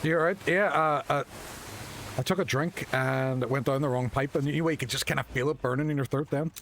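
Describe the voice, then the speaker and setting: A man's voice: medium pitch, fairly even intonation, a little fast, fairly bright tone, a little hiss or hum. A man casually commentating a game playthrough, rambling and talking to himself and his viewers. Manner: chatty, rambling, talks to himself and chat. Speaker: gamer streaming a playthrough.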